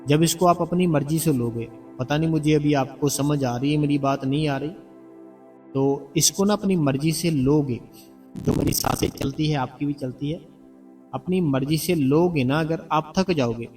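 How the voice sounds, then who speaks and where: A man's voice: a little high, moderate pace, a little mellow. A man giving a devotional talk to the congregation, explaining earnestly and repeating his points to coax the listeners. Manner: earnest, repetitive, coaxing explanations. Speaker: spiritual narrator addressing the congregation. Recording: distant mic with background music.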